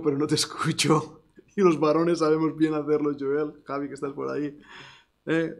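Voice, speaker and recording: A man preaching a sermon with an accent from Spain, animated and emphatic, breaking into loud declarations and joking asides to his congregation. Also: on the high side. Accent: Spain Spanish. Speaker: pastor. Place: church service before a congregation.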